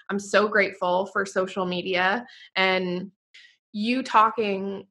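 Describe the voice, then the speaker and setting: A woman hosts a heartfelt, casual podcast chat, earnest and effusive in tone. Her voice is bright and forward, with middling pitch. She keeps dropping "like" and the occasional swear word. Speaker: podcast host and fitness business owner.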